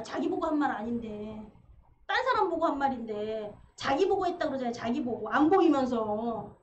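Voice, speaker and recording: A woman preaching a sermon in a church, animated and acting out the voices she quotes. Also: a little high. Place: church sanctuary. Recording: roomy, slightly dull livestream with faint hiss.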